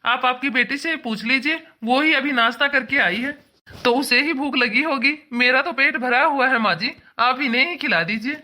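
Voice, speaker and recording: A woman voicing a joking young son-in-law in a cartoon, who teases in a deadpan way. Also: sits high, moderate pace. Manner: teasing, deadpan. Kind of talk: cartoon dubbing.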